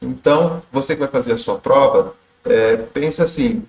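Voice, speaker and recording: A man's voice: medium pitch, normal speed, darkish tone, reverberant. A man with a Brazilian Portuguese accent, giving a recorded exam-prep lesson and explaining tips patiently, with some repetition.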